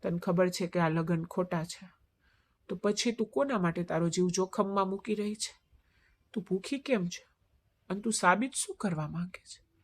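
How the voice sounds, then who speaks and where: A woman's voice: lowish voice, moderate pace, close to an everyday voice. A woman narrator voicing a cold, proud young husband who scolds curtly. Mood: angry. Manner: curt, scolding.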